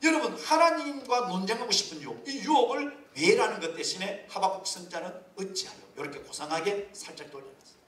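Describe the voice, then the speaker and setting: A man preaching a sermon as a pastor, lively and humorous, with many rhetorical questions. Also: sits high, fast. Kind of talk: sermon at a leaders' retreat. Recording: echoey hall from far off.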